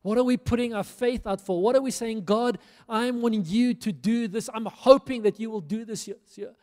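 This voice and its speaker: This middle-aged South African pastor has a very high voice with a darkish tone, speaking at normal speed. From a church stage in a large hall, he preaches a sermon into a handheld microphone, earnest and rousing with emphatic repetition, his words echoing in long reverb.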